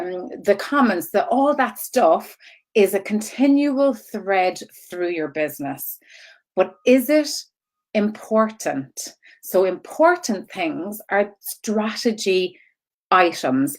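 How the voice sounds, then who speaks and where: A woman with a mid-range voice teaches informally as an online coach. She rambles, drifting into tangents and looping back to her point. She often repeats phrases and tags them with little questions to check that listeners follow. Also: mid-range voice. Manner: repeats herself and checks in with "right?" and "okay?". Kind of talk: informal live-stream teaching to creatives.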